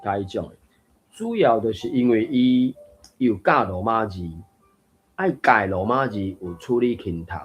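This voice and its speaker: A reading group host muses thoughtfully through a casual chat in a Taiwanese language about Taiwanese texts, with fillers and laughs. His voice is lowish and animated at a measured pace, on dull audio with slight background noise.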